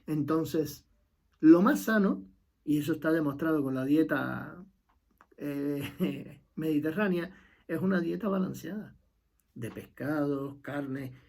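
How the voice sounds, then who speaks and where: Cuban guy ranting his opinion, kinda high warm voice, repeats stuff for emphasis. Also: takes it slowly, creaky. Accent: Cuban Spanish. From Cuba. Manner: emphatic, repeats key phrases, trails off at sentence ends. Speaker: political commentator. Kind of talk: impassioned opinion monologue.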